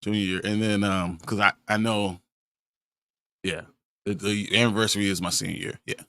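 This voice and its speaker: A man's voice: fairly low pitch, fairly even intonation, moderate pace, pushed and bright, clean tone, no echo, clean studio sound. A young man co-hosting a live pop-culture show, easygoing and enthusiastic. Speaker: co-host of live nerd news show. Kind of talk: casual chat.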